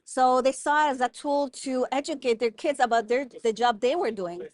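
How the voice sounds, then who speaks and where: A slightly high-voiced woman from Guatemala, whose first language is German, speaks at a normal pace as a guest mining consultant in a conversational interview. She comes across as thoughtful and earnest, with many fillers and restarts, and the recording is dry.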